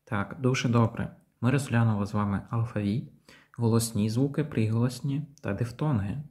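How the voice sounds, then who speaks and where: A man's voice: mid-range voice, moderate pace, a little mellow. A man teaching English pronunciation, patiently explaining each sound and modelling example words. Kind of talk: pronunciation lesson.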